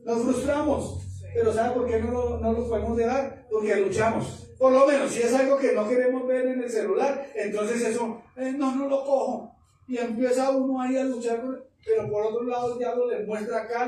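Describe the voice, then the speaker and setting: A man's voice: very high-pitched, steady tone, fairly quick, a little mellow. A man, a pastor preaching an emphatic, fervent sermon full of repetitions. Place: church hall. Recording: echoey hall, distant mic, faint noise.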